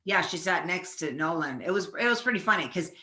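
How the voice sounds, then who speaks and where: A woman guest chatting casually in an interview, telling lively anecdotes and laughing as she talks. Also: fairly low pitch, a little fast. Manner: lively anecdotal storyteller, laughs while talking. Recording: roomy echo.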